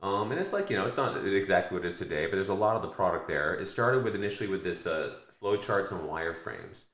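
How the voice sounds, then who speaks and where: A very deep-voiced American man talks quickly on a podcast, looping through fillers and restarts as he works out his points. The sound carries the echo of a live room. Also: expressive, a bit bright. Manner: rambling, self-correcting, many fillers. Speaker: podcast co-host. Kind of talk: casual podcast chat.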